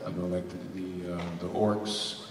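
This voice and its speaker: A man's voice: sits low, flat delivery, a little slow, recorded from a distance, a little hiss or hum. A man speaking as a voice actor on a convention panel, rambling with lots of restarts and laughs. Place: large convention hall. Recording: echoey hall recorded from afar.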